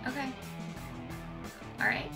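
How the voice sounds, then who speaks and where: A young adult woman vlogs from her small bedroom, chatting casually to the camera while eating ice cream. Her voice is crackly and she speaks slowly, with music playing in the background.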